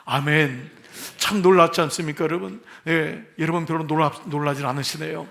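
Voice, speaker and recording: Gravelly high-voiced Korean pastor preaching. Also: male voice, steady tone, a little fast, a bit bright. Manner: asks the congregation questions and jokes with them. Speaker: senior pastor. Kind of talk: sermon. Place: church sanctuary.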